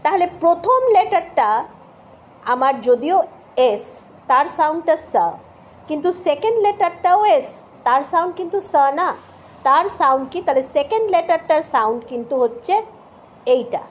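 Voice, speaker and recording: Woman, high voice, pronunciation teacher, spells words letter by letter, patient and repetitive, faint hiss. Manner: patient, repeats sounds and checks understanding. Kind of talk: spoken lesson with spelled-out words.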